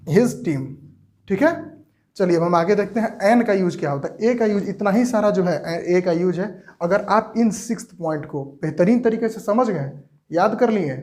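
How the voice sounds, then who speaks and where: A man with a notably high voice and a Jharkhand Hindi accent teaches English grammar to a class. He keeps asking rhetorical questions and answering them himself, and he slows down and stretches key words to drive the point home. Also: a little mellow. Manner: stretches words slowly for emphasis.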